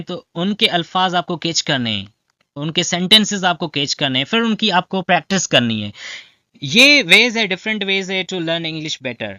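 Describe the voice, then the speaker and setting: A man from Pakistan teaches English lecture-style in a high-sitting voice with a sharp tone, mixing Hindi-Urdu and English. He uses frequent fillers and often checks in with listeners with "theek hai?" The recording is dry, with the highs cut off.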